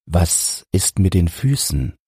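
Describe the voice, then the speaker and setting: A man voicing a poor, gruff father who grumbles in a storybook reading. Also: sits low, very animated, slow, warm tone, no echo, clean studio sound, heavily acted.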